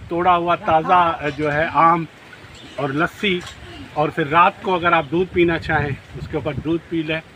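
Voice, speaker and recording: A middle-aged man from Pakistan, chatting and explaining in a relaxed way for his farm vlog, recorded outdoors in a mango orchard on a nearby camera mic. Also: a little high, a little slow, rough recording. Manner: relaxed and explanatory, eating and sipping while talking. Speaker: vlogger host. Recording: outdoor background noise.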